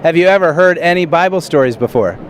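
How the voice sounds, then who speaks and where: A man with a fairly high voice runs a street interview show, stopping people on the sidewalk with the same simple questions and also speaking straight to camera for the intro. He talks plainly and hesitantly, filling pauses with "uh" and restarting sentences, yet he's expressive and fast. Traffic and city noise hum softly in the background.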